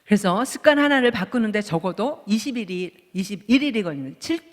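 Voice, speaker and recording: A woman's voice: medium pitch, lively intonation, brisk. A Korean woman in her fifties preaches a Sunday sermon in a mid-range voice, talking to the congregation like a conversation and throwing questions back at them. Her voice carries with a long reverb through the church sanctuary. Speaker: pastor.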